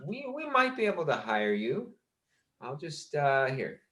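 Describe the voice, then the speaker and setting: A man's voice: a little high, wildly swooping pitch, measured pace, a bit bright, roomy sound, exaggerated voice. Polite scheming man as a time traveler. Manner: polite, stammering, eager.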